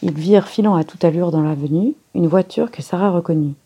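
A woman reading a detective novel aloud in a measured, even storybook narration. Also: fairly low pitch, slightly rough. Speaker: reader.

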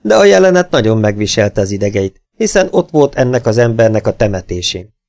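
A man narrating an adventure novel as an audiobook in a steady, even reading voice. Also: lowish voice. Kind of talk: scripted narration.

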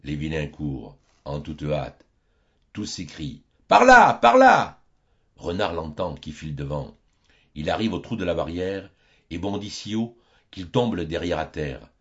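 A man reading a medieval tale aloud in an expressive, dramatic storybook style, in a dull lo-fi audiobook recording. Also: very deep voice, a little slow. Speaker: audiobook reader.

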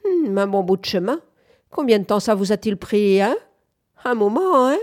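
A woman voicing a sarcastic old farmer who mumbles and mocks, a little higher and louder than her own voice. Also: expressive, moderate pace, natural voice. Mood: teasing. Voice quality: mumbling, sly, caustic.

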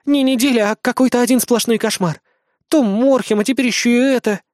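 A reader voicing a haughty, tiny female pop idol who holds a general's rank, indignant and quick to snap. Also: medium pitch, darkish tone, no room sound, clean studio sound, pitched above the performer's own voice, natural voice. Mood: irritated. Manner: snappy, indignant, easily irritated. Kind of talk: audiobook character voice.

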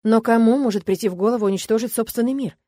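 A woman's voice: fairly high pitch, fast talker, mellow, dry recording, studio quality, voice pushed up, lightly acted. A woman voicing a curious, stubborn young woman student in an audiobook, her voice lifting on questions. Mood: curious, indignant.

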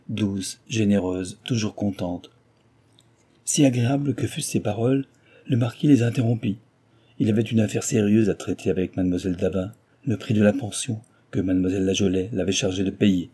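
Dark, husky male audiobook narrator. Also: fairly low pitch.

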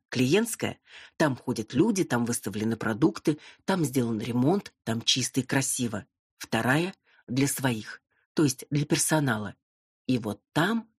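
A woman reading an audiobook narration in an even, wry storytelling manner. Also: extremely low pitch, husky, no echo, studio quality. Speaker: audiobook reader.

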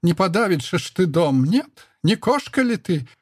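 A man's voice: high-pitched, very animated, moderate pace, husky, dry recording, studio quality, voice pushed up, exaggerated voice. A man voicing an old peasant woman, a furious mother-in-law who speaks with a lisp and rustic dialect. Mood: scornful. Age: older. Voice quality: lisping, village dialect speech.

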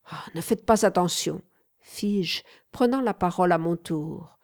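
Slow, measured woman narrating a book. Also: fairly low pitch, darkish tone. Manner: measured, clear reading. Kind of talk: audiobook narration.

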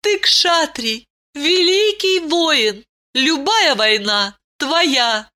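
A woman voicing an ancient princess who is stern yet tender and speaks in a high, commanding, sing-song way. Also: lively intonation, extremely slow, sharp tone, heavily acted. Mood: regal, tender.

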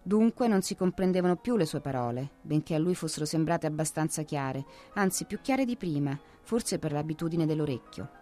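A woman narrating a classic novel as an audiobook in a steady, expressive reading. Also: deep voice, a little fast, few pauses, soft background music.

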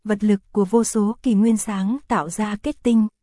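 Mellow woman narrating a novel. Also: mid-range voice, fairly even intonation, normal speed, dry recording. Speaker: audiobook narrator. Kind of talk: scripted narration.

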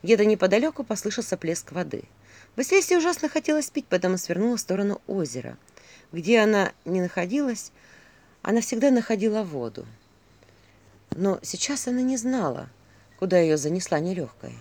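An audiobook narrator reading a fairy tale with expressive storytelling. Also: medium pitch, a little fast.

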